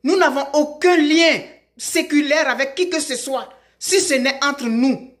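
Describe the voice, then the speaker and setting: A woman's voice: high-pitched, a little slow. A middle-aged woman from Ivory Coast making an emphatic direct-to-camera appeal, repeating her calls for emphasis. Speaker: vlogger.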